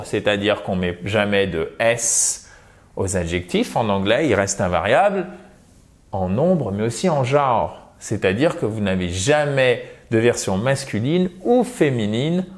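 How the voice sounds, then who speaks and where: A man giving a lively video lesson, speaking straight to viewers and sounding out English words slowly. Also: medium pitch. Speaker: English teacher.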